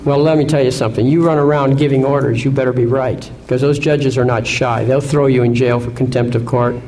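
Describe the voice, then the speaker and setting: A man's voice: mid-range voice, fairly even intonation, brisk, a little mellow, slight background noise, poor audio. A man lecturing an audience in an assertive way, often asking rhetorical questions and checking in with "Okay?". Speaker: seminar speaker.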